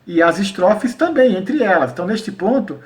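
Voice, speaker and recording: A man's voice: sits high, animated, far from the mic. A man from Paraíba, Brazil, with a Northeastern Brazilian accent, explaining poetry to teachers in an informal lesson and often asking the listener to confirm he is following. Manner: explanatory, checks in often with "né?" and "tá?", recites verses slowly. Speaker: cordel poet teaching educators.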